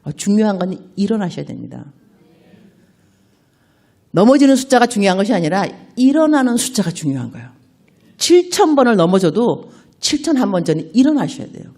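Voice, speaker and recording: A middle-aged woman missionary preaches at a revival meeting, her voice sitting in a middle range. She tells stories and acts out the characters' lines, so her pitch swings widely. The delivery is warm toward the congregation and full of vivid dialogue. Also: a little fast, pauses often. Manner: animated, acts out quoted dialogue in shifting voices. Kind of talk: revival sermon with storytelling.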